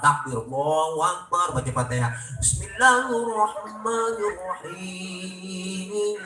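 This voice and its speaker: A man's voice: a little high, pushed and bright, distant mic. A man with a Jakarta Betawi accent giving a comic sermon at a prayer room gathering, acting out both sides of the dialogues he tells. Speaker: preacher. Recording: echoey room, noisy ambience.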